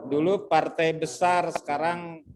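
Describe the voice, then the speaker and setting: A man's voice: a little high, little pitch movement, a little slow, crowd noise. A man in his sixties from West Java, speaking modestly with hesitant fillers on a video call. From West Java, Indonesia. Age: 60s. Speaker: university official. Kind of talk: casual video call chat.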